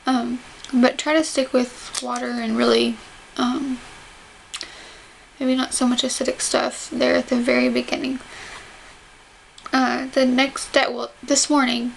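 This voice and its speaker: High-pitched, even-toned young woman, slightly tight-jawed. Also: a little slow, gravelly. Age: young adult. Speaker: vlogger describing surgery recovery. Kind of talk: casual talk to camera. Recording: noisy home camera audio.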